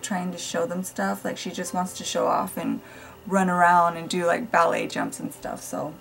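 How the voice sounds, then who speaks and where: A young woman chatting casually while doing her makeup at home, her voice raspy from just waking up, rambling with fillers and small laughs. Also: lowish voice, poor audio. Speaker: beauty vlogger. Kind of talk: casual get-ready-with-me chat. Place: home room with family nearby.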